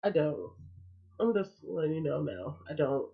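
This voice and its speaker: A woman's voice: low voice, very animated, normal speed, slightly rough. A woman hosting a casual reaction video, chatty and blunt, sounding stuffed up from a cold. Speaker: reaction streamer. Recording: tinny phone-like lo-fi sound.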